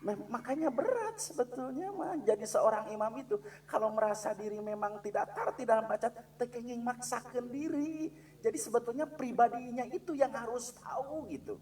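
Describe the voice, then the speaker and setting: In a mosque, a man with a Sundanese accent teaches a religious lesson in Indonesian mixed with Sundanese, asking his listeners questions as he goes. He also chants Quranic verses slowly and loudly as examples. His voice is extremely high-pitched, recorded from a distance with a little hiss or hum.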